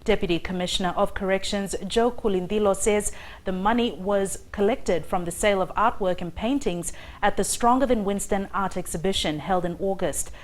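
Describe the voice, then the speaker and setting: A woman's voice: mid-range voice, moderate pace. A woman reading scripted news as an anchor.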